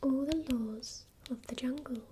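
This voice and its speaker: A helpful female librarian, acted by a woman speaks in ASMR role-play, a gentle and breathy library soft voice. Her delivery is very unhurried and mellow, with faint noise behind it. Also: sits high. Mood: gentle, hushed. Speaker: ASMR performer.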